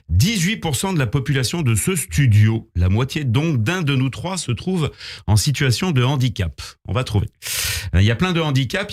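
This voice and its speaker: A man reading a scripted comic column on the radio in a small studio, with wry, deadpan asides. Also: mid-range voice. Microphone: studio microphone.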